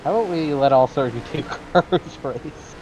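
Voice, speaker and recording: A man's voice: a little high, measured pace, darkish tone, poor audio. A man chatting casually and jokingly in a group voice chat. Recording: clear engine noise behind voice.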